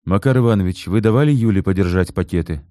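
A man's voice: low-pitched, fast talker, warm tone, dry recording, studio quality, natural voice. A man voicing a stern former police officer questioning people in an audiobook reading. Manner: stern, firm, threatening.

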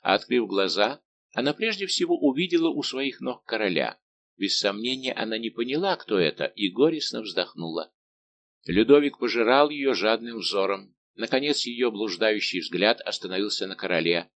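A man narrating an audiobook in a steady, measured reading. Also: fairly low pitch, slight background noise. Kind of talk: scripted narration.

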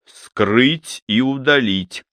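A man voicing an obsessive veteran male surgeon in an audiobook, giving clipped, crisp orders. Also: mid-range voice, expressive, a little slow, fairly bright tone, dry recording, studio quality. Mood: commanding. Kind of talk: audiobook character voice.

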